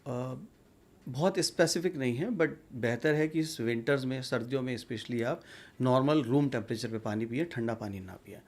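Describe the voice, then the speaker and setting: Male doctor guest, gravelly voice, measured explainer. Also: mid-range voice. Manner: measured, explanatory, mixes English terms. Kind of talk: medical interview answers.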